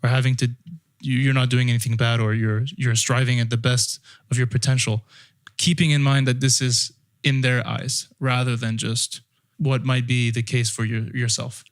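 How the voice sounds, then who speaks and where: A man's voice: mid-range voice, level tone, moderate pace, dry recording, clean studio sound. A young man who grew up in France, co-hosting a podcast, talking things through with thoughtful restarts. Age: young adult. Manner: thoughtful, restarts phrases while explaining. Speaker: podcast co-host. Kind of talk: casual discussion.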